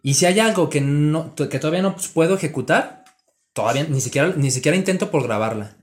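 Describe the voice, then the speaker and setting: A man's voice: fairly high pitch, quick pace. A young man with a Mexican accent, a rapper chatting casually in an interview and peppering his talk with slang. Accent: Mexican Spanish.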